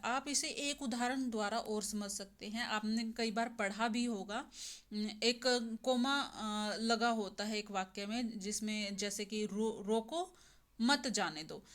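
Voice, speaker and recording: A woman's voice: a little high, a bit bright. A young adult woman teaching an exam-prep lecture, explaining step by step and asking rhetorical questions to her students. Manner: explains step by step, with rhetorical questions and "theek hai?" check-ins.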